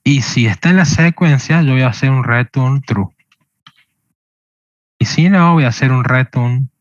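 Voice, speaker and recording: A man's voice: mid-range voice, unhurried, no room sound, highs cut off. A man teaching a programming lesson, explaining step by step and checking with a questioning "¿sí?" again and again. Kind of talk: screen-recorded coding lesson.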